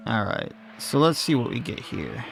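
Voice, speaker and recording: A man's voice: mid-range voice, wildly swooping pitch, normal speed, creaky, noisy background. A man, slightly losing his voice, commenting casually on his own gameplay and thinking aloud as he plays. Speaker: let's play host.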